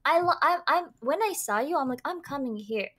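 A young woman from Lithuania with a European accent, chatting playfully and excitably as a contestant on a video call. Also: high-pitched, a little fast. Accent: Belgian-raised European. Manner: playful, excitable, laughing often. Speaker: dating show contestant. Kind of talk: casual chat.

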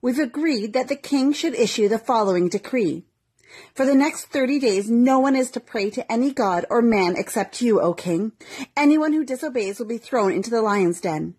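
Scheming courtiers in a storybook tale, pushing their king with persuasive words. A woman narrator voices them in her slightly husky voice. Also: a little high, lively intonation, normal speed, darkish tone. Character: scheming group of court officials.

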